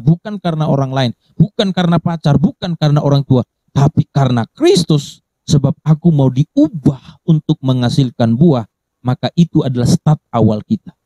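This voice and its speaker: A man delivering a sermon with a fairly high, mellow voice. He preaches emphatically, stacking repeated phrases and drawing out the key words. The recording is dry and dull, with a lo-fi edge. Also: dry recording. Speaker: pastor.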